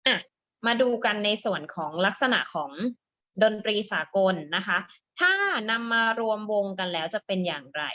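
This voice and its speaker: A woman music teacher giving a patient online lesson to young pupils, softening each phrase with polite particles. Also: mid-range voice, lively intonation, normal speed, highs cut off. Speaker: primary school music teacher. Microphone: computer mic on a video call.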